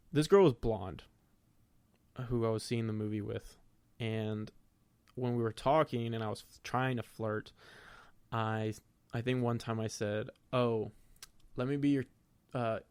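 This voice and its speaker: A young man, the podcast's host, telling a self-deprecating, profane story in a casual, animated way. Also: mid-range voice, smooth, no room sound.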